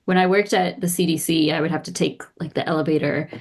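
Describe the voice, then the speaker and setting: A woman co-hosting a casual podcast, chatty and quick to laugh, with many filler words. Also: deep voice, steady tone. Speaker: podcast co-host. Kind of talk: casual chat.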